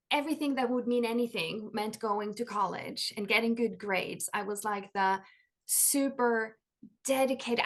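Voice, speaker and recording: A Norwegian life coach and author, whose first language is Norwegian, tells her story in a chatty interview, sprinkling in lots of "like" and quick laughs. Her voice is on the high side.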